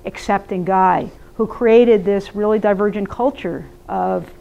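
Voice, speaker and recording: A woman therapist giving a lively, conversational workshop talk to an audience and asking them questions. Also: mid-range voice, a little slow, vocal fry. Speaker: therapist presenter. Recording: muffled lo-fi recording.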